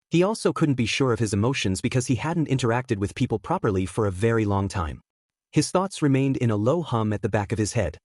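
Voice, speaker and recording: A man's voice: mid-range voice, a little mellow, no room sound, clean studio sound. A man reading a scripted story aloud as a narrator. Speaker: fan fiction narrator.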